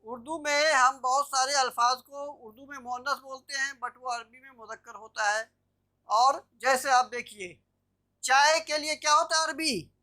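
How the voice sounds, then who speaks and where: A woman with a high voice teaches grammar to students on a video call. She explains patiently, step by step, and keeps asking whether they follow. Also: moderate pace, pushed and bright. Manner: explanatory, checks understanding with "theek hai na". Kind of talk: online class lecture.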